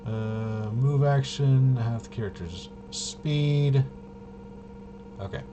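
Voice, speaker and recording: Running a tabletop game demo, a man gives casual commentary, thinking aloud and muttering to himself, puzzled and questioning his own moves. His medium-pitched voice moves slowly, and the dull audio carries a clearly noisy background.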